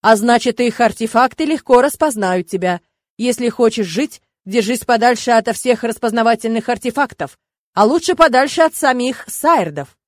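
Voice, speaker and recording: A haughty count full of contempt, pressing each word on his captive, as a woman voices him in an audiobook. The voice sits fairly high and the recording is dry and close. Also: expressive, a little fast, a little mellow, dry recording, close to an everyday voice. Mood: scornful. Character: haughty male count, menacing and scornful. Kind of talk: audiobook character reading.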